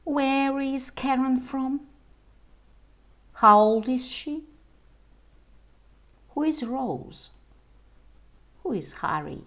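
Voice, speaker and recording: A woman reading a homework lesson aloud for young children, slowly and carefully, as their English teacher. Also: high voice, animated, a bit bright.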